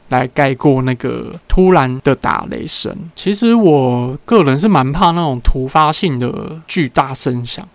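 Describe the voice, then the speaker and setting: A man's voice: mid-range voice, no echo. A young man hosting a casual solo podcast, telling everyday stories and acting out what people said. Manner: chatty storyteller who acts out what people said. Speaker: podcast host.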